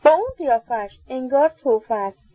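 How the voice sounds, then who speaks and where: A woman's voice: high voice, expressive, slightly rough, dry recording, muffled recording. A woman reading an audiobook, voicing an indignant, gossipy young woman student. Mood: indignant gossip. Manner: chatty, indignant.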